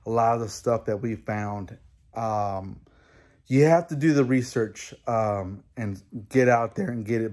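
A man in his thirties or forties talks casually and haltingly as a vlog host, recorded in his garage during a thunderstorm. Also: medium pitch, darkish tone. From Houston, Texas. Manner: halting, unscripted delivery. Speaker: host of a toy reselling channel. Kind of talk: casual vlog, showing clearance finds. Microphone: phone at arm's length, handheld camera. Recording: faint-to-clear background noise in garage. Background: rain and thunder noise, clicks.

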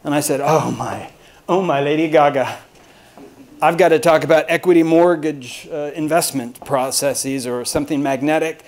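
A slightly high-voiced man speaks at a moderate pace, a university lecturer from Austin, Texas. He gives colleagues an informal, funny talk, rambling and telling jokey stories at his own expense.

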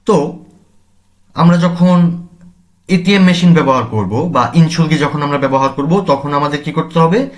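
A man's voice: on the high side, a little slow, long pauses. A man teaching a language lesson, reading each word aloud and then explaining its meaning and use. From Bangladesh.

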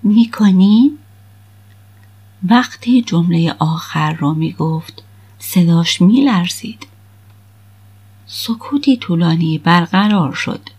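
A woman narrating an audiobook in the first person with steady, even storytelling. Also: lowish voice, breathy edge.

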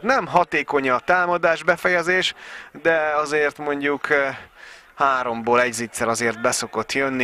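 A man giving excited, partisan live football commentary for a local match, cheering on the home side. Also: medium pitch.

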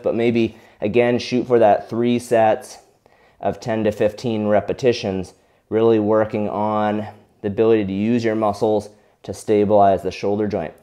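Man coaching shoulder exercises. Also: on the low side. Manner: relaxed coaching, talks while demonstrating. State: out of breath during exercise. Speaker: physical therapy instructor. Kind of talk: instructional exercise demonstration.

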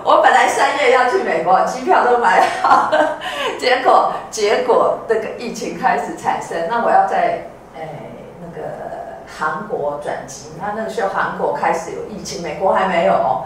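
Lively Taiwanese-accented woman preaching. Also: mid-range voice, normal speed. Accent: Taiwanese Mandarin. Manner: lively, engaging audience with questions, laughs often. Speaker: pastor's wife. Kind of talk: sermon. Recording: echoey hall with faint background noise.

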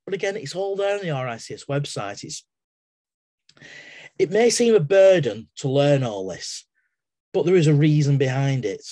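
A middle-aged Englishman, a guest speaker and exam assessor, talks casually in a webinar over a video call from his home study, using his laptop webcam. His fairly high, warm voice has lively intonation and a moderate pace with frequent pauses, and he chats and digresses into everyday analogies, often restarting sentences. The sound is clean, studio-like and free of echo.

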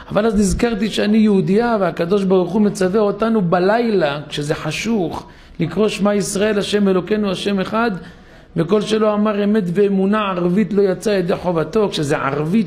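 A man's voice: sits high, creaky, a little mellow. A man, a rabbi, telling a story in a sermon at a synagogue, dramatic and acting out the characters.

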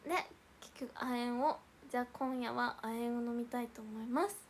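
A woman's voice: a little high, normal speed, a little hiss or hum. A young woman hosting a casual idol livestream, chatting and reading out viewer comments with frequent giggles.

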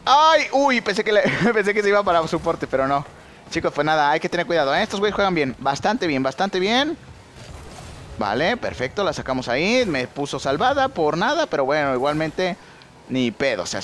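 Excitable high-voiced Mexican gamer. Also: male voice, slight background noise. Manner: excitable, slangy, shouts at big plays. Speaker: gaming YouTuber. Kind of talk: live gameplay commentary.

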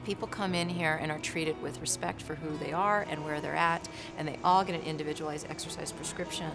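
A woman physician explaining a cardiac rehab program in a calm, measured documentary interview. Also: deep voice. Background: background music.

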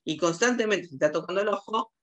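A woman's voice: medium pitch, fast talker, a bit bright. A woman psychologist with a Rioplatense Spanish accent giving a lecture over a video call, talking with many fillers and restarts.

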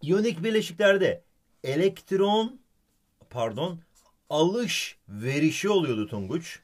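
Male teacher, playful lesson, lively swinging pitch, fairly high voice, teasing manner. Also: a little slow. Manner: animated, teasing, keeps repeating praise and the student's name.

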